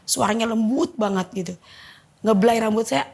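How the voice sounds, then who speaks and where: A woman's voice: fairly high pitch, moderate pace, gravelly, darkish tone, breathy edge. A woman giving an emotional personal testimony in an interview, vividly retelling events and acting out the dialogue. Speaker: testimony guest.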